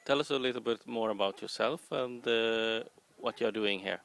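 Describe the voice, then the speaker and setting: Gravelly-voiced male interviewer. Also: lowish voice, normal speed, fairly bright tone, no room sound. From Sweden. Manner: polite, brief questions. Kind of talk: interview questions.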